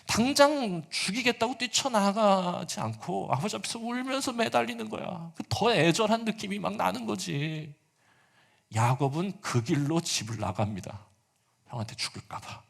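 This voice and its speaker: A man's voice: high-pitched, creaky, fairly bright tone, slightly rough. A male pastor preaching a sermon, retelling a story with casual asides and acted-out quotes.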